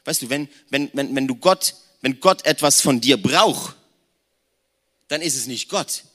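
A man around forty preaching a lively sermon in a conversational tone, speaking straight to the congregation. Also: mid-range voice, a little slow. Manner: conversational, addresses the congregation directly, mixes in English slang words. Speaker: pastor.

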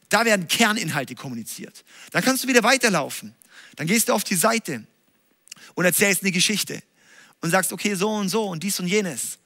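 A male preacher giving an energetic, livestreamed lesson on preaching from a stage, often checking in with tag questions. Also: high-pitched, big-room sound. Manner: energetic, emphatic, asks listeners tag questions. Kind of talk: livestreamed teaching talk. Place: stage in a church hall.

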